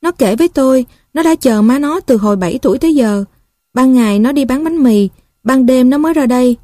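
A woman with a Southern Vietnamese accent narrating a story in a gentle, even way. Her voice sits a bit high, with a mellow, warm tone, and the recording is close and dry. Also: a little fast, no room sound. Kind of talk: reading a story aloud.

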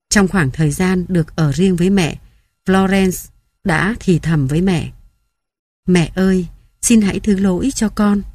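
A woman reading an audiobook in a calm, measured narration. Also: fairly low pitch, no room sound.

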